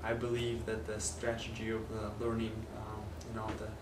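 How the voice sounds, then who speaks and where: Giving a video lesson in an indoor whiteboard classroom, this young Kazakh teacher speaks with a native Kazakh accent. His voice is on the low side and monotone at a moderate pace, and his casual delivery hesitates with many fillers and restarts. Sound comes from a distant camera in a noisy, echoey space.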